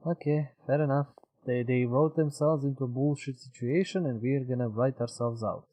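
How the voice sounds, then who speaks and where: A man's voice: mid-range voice, steady tone, normal speed, warm tone, no room sound, low-quality recording. Swearing, laughing game streamer man. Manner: swears often, laughs readily. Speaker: streamer playing a video game. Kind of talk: casual let's-play chat.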